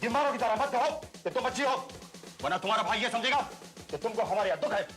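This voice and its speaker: A bossy, pompous army major. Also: male voice, animated, fast talker, a bit bright, faint music behind. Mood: commanding. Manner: booming, barks orders like a drill sergeant. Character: blustering retired army major, pompous uncle. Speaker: visiting uncle. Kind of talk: TV sitcom acting.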